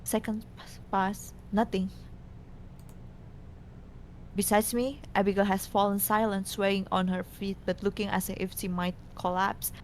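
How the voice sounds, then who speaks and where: Reading a scripted game story aloud as a co-host, a woman speaks in a level tone, a little slowly, and stumbles over the words at times. Behind her the noisy recording carries a low rumble.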